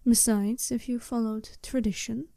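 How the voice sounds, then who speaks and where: Frank and measured, the seductive werewolf bride of this soft-spoken ASMR roleplay is voiced by a woman whose tone is smooth, fairly high, mellow and steady. She chooses polite, formal, businesslike phrasing and keeps a measured manner. The sound is dry and close, with no room sound.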